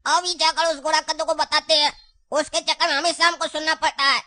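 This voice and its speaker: A woman's voice: high voice, flat delivery, fairly quick, close to an everyday voice. A woman doing a grumbling cartoon shop helper. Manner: grumbling aside. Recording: loud background noise.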